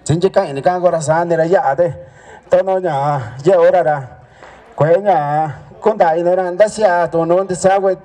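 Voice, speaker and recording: A man's voice: sits high, normal speed, warm tone. A man from Mexico announcing at a village fiesta dance in a church, speaking in short clipped phrases as he names sponsors and guests. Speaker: event announcer.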